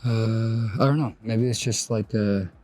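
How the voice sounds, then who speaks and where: A man in his twenties hosting a solo podcast, talking through his feelings outdoors at sunrise in a soft, musing way that trails off and restarts. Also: lowish voice, steady tone, a little slow, soft background music. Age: 20s. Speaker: podcast host. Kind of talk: reflective solo podcast monologue.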